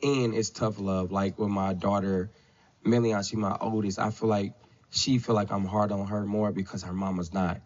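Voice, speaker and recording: A man in his thirties with a somewhat low voice, sitting as a podcast guest. He talks in a loose, rambling way and keeps adding filler checks. The sound is dull and lo-fi. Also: flat delivery, moderate pace, darkish tone. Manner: loose and rambling, with frequent "you know what I'm saying". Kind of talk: casual conversation.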